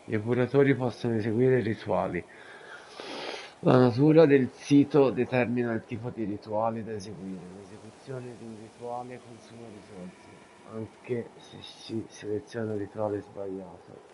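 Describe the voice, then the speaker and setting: A man's voice: on the low side, moderate pace, dark tone, slight background noise, low-quality recording. A man giving casual gameplay commentary, muttering to himself bluntly. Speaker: gamer.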